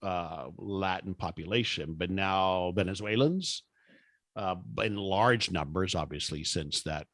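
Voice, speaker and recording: Man, from Cuba, accentless, low voice, dry recording, casual podcast chat. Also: a little slow, dry recording. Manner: relaxed, chatty storyteller. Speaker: podcast co-host.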